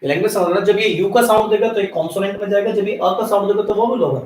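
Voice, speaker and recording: A man's voice: high voice, rapid-fire, a little mellow. A man from India teaching an English grammar lesson, explaining step by step and speaking directly to his students. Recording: echoey room, voice from a distance.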